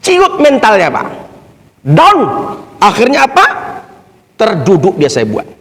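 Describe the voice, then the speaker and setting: A male preacher tells a story with high, very animated pitch. He drops to soft talk and then climbs to shouting. A long hall reverb rings behind him. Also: takes it slowly. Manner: dramatic, swings from soft to shouting. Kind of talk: emotional storytelling sermon.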